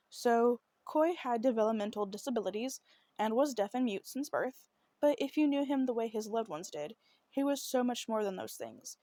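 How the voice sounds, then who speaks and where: A true crime podcast host narrates a case from her notes, sounding apologetic, often tripping over her words and using many fillers. Her voice is a little high, slightly rough, and darkish in tone, with no room sound.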